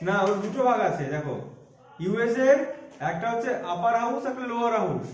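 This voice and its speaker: A man's voice: extremely high pitch, big pitch swings, a little fast, faint music behind. Man quizzing students in an echoey room. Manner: quizzing students, prompting and correcting. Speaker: quiz teacher. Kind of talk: casual GK quiz practice.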